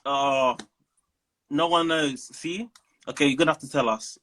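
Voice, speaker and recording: Bright-voiced playful man in an interview. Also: on the high side. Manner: playful, animated, quick to laugh. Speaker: guest, preacher. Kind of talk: casual interview.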